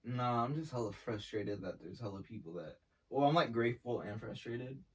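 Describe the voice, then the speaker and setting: Speaking off the mic from a distance, a young man who is an artist and brand founder chats casually in an interview. His talk is laid-back and slangy, full of fillers and swearing, delivered at medium pitch with lively intonation and a moderate pace.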